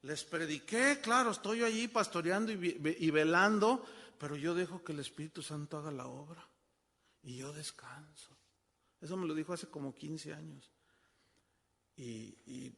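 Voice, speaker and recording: A high-pitched, bright-toned man with a Mexican Spanish accent preaches an animated sermon. He jumps from loud exclamations to quiet asides. His voice rings with a long reverb, as in a church hall. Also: moderate pace, gravelly. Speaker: pastor.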